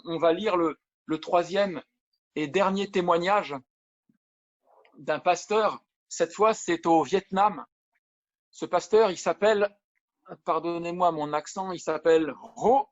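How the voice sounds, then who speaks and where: Pastor guy, highish voice, earnest sermon, restarts a lot, kinda muffled sound. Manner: earnest preaching with frequent restarts, reads scripture and testimony aloud. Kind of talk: video sermon.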